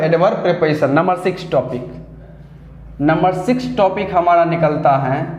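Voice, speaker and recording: A man's voice: high voice, darkish tone, roomy sound. A man with a Hindi accent, teaching an English grammar lesson patiently, step by step with repeated examples.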